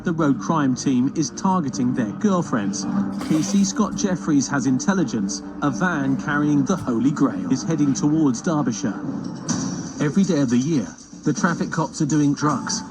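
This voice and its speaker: A man narrating a parody police documentary in a deadpan, scripted manner. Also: fairly high pitch, moderate pace, low-quality recording. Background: loud background music.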